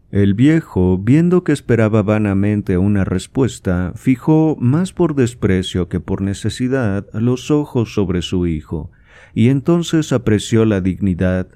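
A man reading a classic novel aloud in calm, measured narration. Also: lowish voice, no echo. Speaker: audiobook reader.

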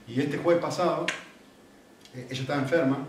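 A man's voice: fairly high pitch, a little fast. Argentine guy preaching, chatty, keeps asking the room questions, big echoey church hall with faint background noise. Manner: animated, conversational, frequent rhetorical checks. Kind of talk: sermon. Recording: echoey hall, mic from a distance.

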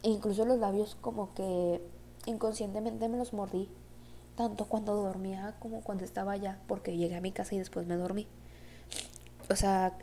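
Young woman, Mexican Spanish accent, casual storytime, rambling with fillers, low-key warm voice. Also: vocal fry, a little hiss or hum. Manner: rambling, heavy filler "o sea, como que"; acts out quoted dialogue. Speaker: vlogger.

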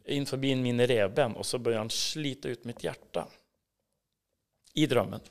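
A man with a Swedish accent telling his personal faith story in an interview, earnest and intense, sometimes dropping to a whisper. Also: mid-range voice. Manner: earnest, swings between hushed whispers and emphatic bursts. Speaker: interview guest. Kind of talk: personal testimony in a casual interview.

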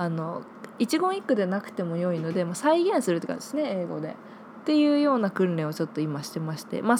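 A woman's voice: lowish voice, darkish tone, slight background noise. Chatty woman hosting a solo podcast. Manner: chatty, many fillers like "maa" and "ano". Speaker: podcast host. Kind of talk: casual solo podcast talk, reading listener mail.

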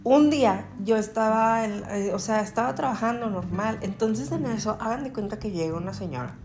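A woman's voice: on the high side, a little fast, music in the background. A woman with a Mexican Spanish accent who runs a print shop, telling stories about her customers in a chatty way, full of fillers. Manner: chatty, many fillers, animated retellings. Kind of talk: casual storytelling.

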